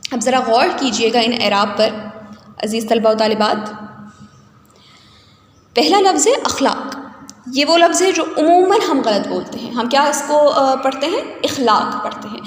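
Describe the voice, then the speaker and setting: A woman's voice: a little high, slight background noise. A woman teaching a recorded lesson, explaining carefully and spelling out vowel marks letter by letter. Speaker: Urdu teacher. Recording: echoey room with long reverb.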